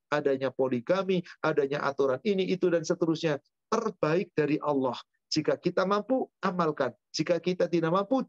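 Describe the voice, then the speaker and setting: A man's voice: fairly high pitch, dry recording. A man teaching at a religious study session, answering questions with rhetorical questions and spoken lists. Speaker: Islamic teacher. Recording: dull dry lo-fi sound.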